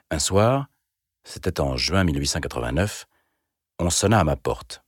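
A man narrating a story in the first person, in a measured, deliberate way. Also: extremely low pitch, husky, no room sound, studio quality. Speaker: audiobook narrator.

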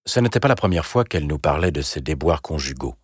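A man with an extremely low, husky voice reads a first-person story in a measured, deliberate way. The recording is close and dry, with no room sound. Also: animated, no room sound. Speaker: audiobook narrator. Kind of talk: scripted first-person narration.

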